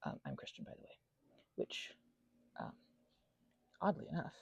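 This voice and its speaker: A woman voices an anxious, self-deprecating little female goblin in an intimate ASMR monologue, rambling haltingly and cutting herself off with soft asides. The mood is earnest and hushed, lightly acted, and the audio is dull with no echo.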